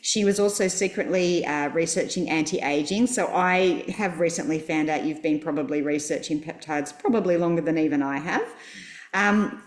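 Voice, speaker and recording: A woman's voice: low-pitched, normal speed. An Australian woman hosting a podcast, chatty and enthusiastic as she introduces her guest. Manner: enthusiastic, chatty, laughs easily. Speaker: podcast host. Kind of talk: friendly interview introduction. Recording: roomy echo.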